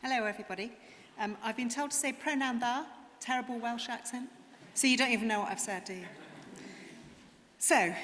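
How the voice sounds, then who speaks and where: A woman's voice: mid-range voice, a bit bright. A woman giving a conference talk as a medical specialist, earnest and explanatory, with frequent ums. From England. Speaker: conference speaker, rheumatologist. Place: conference hall. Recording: reverberant hall, faint noise.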